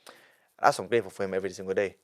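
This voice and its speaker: A nineteen-year-old from London, England, guests on a casual podcast interview, speaking very fast in a low, steady voice. He rambles emphatically, with lots of restarts and repetition, in a London accent.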